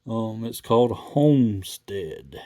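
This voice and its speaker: A man talking casually and haltingly as a radio hobbyist, in a laid-back, folksy, rambling way. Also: fairly low pitch, dark tone. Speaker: radio hobbyist video maker.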